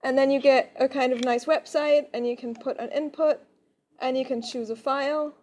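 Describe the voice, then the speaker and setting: Female conference speaker, high voice, hurrying informally through a short tech demo. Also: steady tone, moderate pace, a little mellow, a little hiss or hum. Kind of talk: informal lightning talk with software demo.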